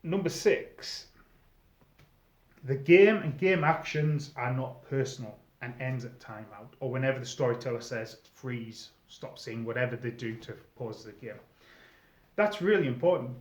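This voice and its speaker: In a mid-range, expressive voice, a little slow, a middle-aged man walks newcomers through things in a relaxed, conversational way. The presenter, formerly a game storyteller, delivers an informal advice video monologue in an echoey room where the audio sounds slightly dull.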